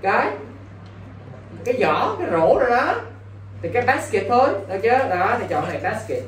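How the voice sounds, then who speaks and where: With big pitch swings and a high, slightly fast delivery, a male English teacher drills his exam-prep students with questions, repeatedly asking "got it?" Faint background noise and a distant mic give the audio a roomy feel.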